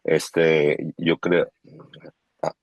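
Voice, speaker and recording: A man's voice: very deep voice, little pitch movement, drawn-out words, dry recording, lo-fi sound. A man giving hesitant, formal remarks as a doctor over a crackly remote call that keeps breaking up, with many fillers and restarts. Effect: crackly, choppy remote call line that keeps breaking up. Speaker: doctor commenting on a presentation.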